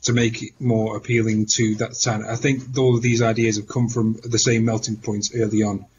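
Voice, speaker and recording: A man's voice: lowish voice, little pitch movement, normal speed, lo-fi sound, background noise. A man co-hosting a casual game discussion, thoughtful and given to stammering restarts. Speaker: podcast co-host.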